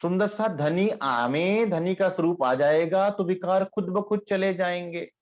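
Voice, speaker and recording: A spiritual teacher with a high voice gives a devotional talk on scripture. He addresses his listeners tenderly and chants lines of verse slowly.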